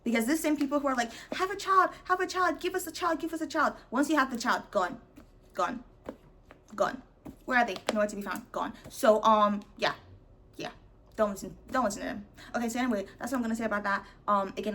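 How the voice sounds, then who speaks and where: A woman's voice: medium pitch, a bit bright. A woman giving blunt hot takes in a casual monologue to camera, sassy and mocking, calling the viewer "babes" and laughing often. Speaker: vlogger sharing opinions.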